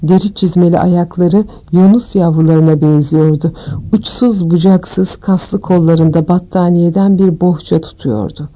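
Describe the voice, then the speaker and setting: A woman narrating an audiobook with steady, expressive storytelling. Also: on the low side, a little slow, rough recording.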